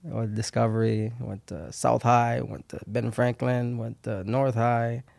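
A man's voice: medium pitch, level tone, normal speed, creaky, darkish tone, no echo. A man in his thirties from Haiti, a guest chatting easily in an interview, laughing often and restarting his sentences. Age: 30s. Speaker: podcast guest. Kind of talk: casual interview chat.

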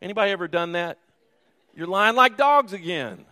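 Preacher guy, kinda high voice, chatty sermon, long church echo. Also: lively intonation, moderate pace, pushed and bright. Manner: conversational preaching, asks the congregation questions and jokes. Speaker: pastor. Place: church sanctuary. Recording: reverberant church hall.

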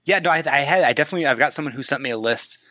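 A man's voice: mid-range voice, racing, sharp tone, no echo. A Canadian man talking as a guest on a podcast, joking and chatty, often restarting his sentences. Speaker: guest, maker of 3D-printed retro decor. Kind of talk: casual podcast chat.

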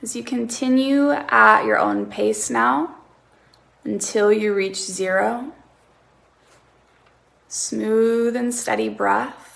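Slow, creaky woman counting breaths in meditation. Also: on the high side, fairly even intonation, fairly bright tone. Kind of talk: guided relaxation meditation.

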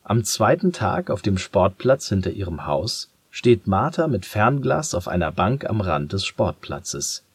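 A man reads a children's story in a calm, measured voice. His voice is very low and husky, and he speaks slowly and steadily. The recording is close and dry. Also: dry recording. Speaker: narrator. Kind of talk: storybook narration.

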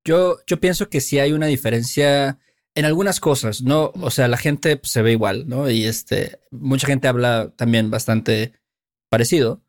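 A man's voice: mid-range voice, normal speed. A man with a Mexican Spanish accent chatting casually, with frequent filler words. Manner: chatty, many fillers like "este". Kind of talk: casual chat.

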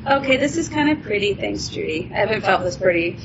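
A woman's voice: medium pitch, lively intonation, fast, creaky, dull audio, background noise. A woman playing a tabletop game, giggly and a bit hesitant. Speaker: player.

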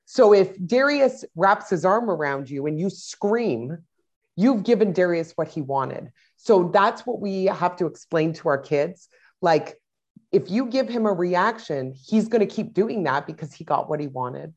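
A woman's voice: on the low side, expressive, a little slow, darkish tone. A woman in her thirties, a parent talking casually in an interview, rambling with many fillers and restarts. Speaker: parent guest. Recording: dull lo-fi sound.

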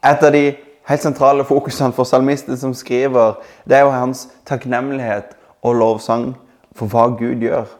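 A man in his thirties preaching a sermon as a pastor, calm and reflective, slowing down to stress key words. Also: mid-range voice.

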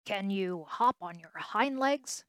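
A woman voicing a bold, lively male wild rabbit in a storybook reading, with a teasing, bouncy, mocking manner. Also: medium pitch, takes it slowly, dry recording, clean studio sound. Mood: coaxing.

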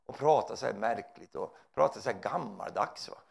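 Gravelly, animated male preacher. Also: fairly low pitch. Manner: animated, joking, tags lines with "va?". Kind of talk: sermon.

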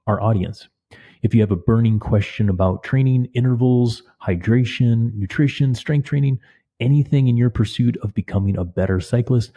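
A man hosting a training podcast, speaking into a studio mic with a husky, crackly voice from a cold. His tone is low and mellow, and he gives advice in a measured way with the odd filler. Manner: measured, advisory, with some fillers. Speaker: podcast host and cycling coach. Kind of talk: podcast monologue answering listener questions.

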